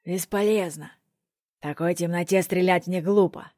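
A woman's voice: lowish voice, steady tone, normal speed, dark tone, no room sound, studio quality, lightly acted. A woman voicing a young male general who grumbles scornfully, in an audiobook. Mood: sceptical.

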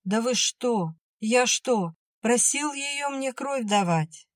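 A woman's voice: lowish voice, animated, a little slow, a little mellow, no echo, clean studio sound. A woman doing an indignant wounded soldier. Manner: bewildered, indignant.

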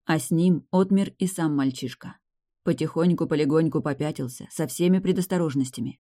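A woman narrating an audiobook in a lively, expressive way. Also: low-pitched, fairly quick.

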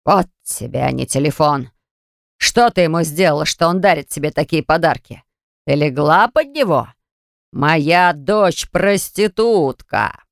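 A harsh middle-aged father spits slow, heavy threats in this audiobook scene, as a woman narrator puts him on. His voice drops below hers and presses loud on every word. The reading stays close and dry. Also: sits low, sing-song, vocal fry, dry recording, heavily acted. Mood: raging. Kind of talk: audiobook character voice.

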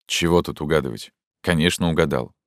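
A terse, guarded man in an audiobook, read by a male narrator, with short clipped replies in a very low voice. The narrator barely changes his own voice for him, and the recording is dry and close. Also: a little fast, dry recording.

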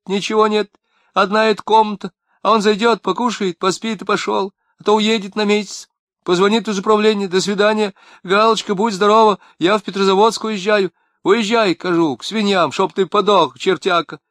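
A plaintive young wife with speech, her voice pushed high and strained with grievance, as a male reader puts her on. The recording is close and dry. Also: steady tone, normal speed, fairly bright tone, dry recording. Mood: bitter. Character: young woman, tearful, quick-tempered, southern speech.

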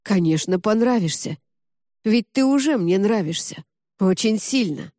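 A woman voicing an earnest young man in love in an audiobook, speaking softly and hesitantly. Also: mid-range voice, animated, dry recording, studio quality, lightly acted. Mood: tender. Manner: soft, hesitant, slow and coaxing. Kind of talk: audiobook character reading.

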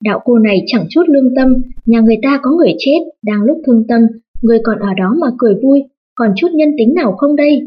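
A woman voicing an old father in a storybook reading, earnest and quick to scold. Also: a little high, husky, highs cut off. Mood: indignant. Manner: earnest, pleading to heaven, then scolding. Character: old father, anxious then indignant.

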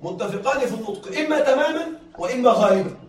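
An extremely high-pitched man talks very fast and animatedly in a classroom lecture, drawing out key words for emphasis. Repetitive, he often makes sure students are following; the distant mic picks up a roomy space and faint noise.

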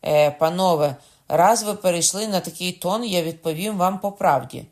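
Calm sarcastic innkeeper, as a reader puts him on, unruffled, mocking, slightly raised voice. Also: mid-range voice, moderate pace, voice pushed up, natural voice. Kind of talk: audiobook character voice.

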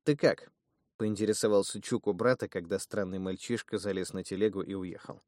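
A man reading a first-person fantasy audiobook in a measured, even storytelling manner. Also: sits low, no echo, clean studio sound. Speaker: audiobook narrator.

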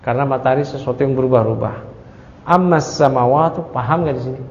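A man's voice: mid-range voice, steady tone, racing, a little mellow. A male religious teacher giving a lecture. He recites Arabic passages, explains them in casual speech and keeps asking whether listeners understand. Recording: echoey hall, dull lo-fi sound, faint noise.

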